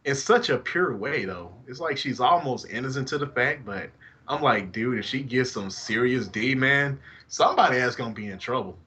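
On a casual fan podcast, the Alabama co-host reads out listener messages and ribs his partner with crude jokes. He speaks at a moderate pace in a medium pitch, sounding expressive, bright, forceful and slightly rough.

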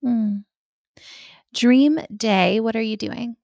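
Upbeat woman host, gravelly voice. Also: a little high, takes it slowly, mellow, no echo. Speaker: podcast host. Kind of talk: casual interview.

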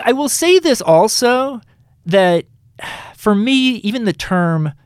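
A man hosting a casual soccer talk show, animated and emphatic, often stopping and restarting his sentences. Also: high-pitched, no room sound, clean studio sound. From Kansas City area, United States. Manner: animated, emphatic, self-interrupting. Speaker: podcast host.

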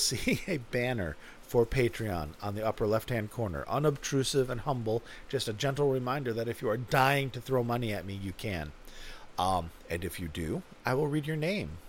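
A man's voice: mid-range voice, slight background noise. A man hosting a podcast in a casual, rambling way, joking and poking fun at himself. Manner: joking, self-mocking, rambling. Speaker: podcast host.

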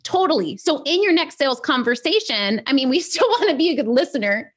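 A woman's voice: high voice, animated, a little fast. A woman coach hosting a live teaching talk, chatty and upbeat, leaning on "like" and "right?" and laughing often. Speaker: business sales coach, show host.

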